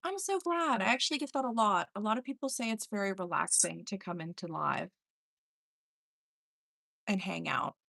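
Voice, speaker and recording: Creaky-voiced woman hosting a spirit session. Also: mid-range voice, lively intonation, moderate pace, long pauses, a bit bright, dry recording, studio quality. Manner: addresses spirits and viewers by name, relaying replies aloud. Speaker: live stream host. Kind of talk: casual live stream chat during a spirit box session.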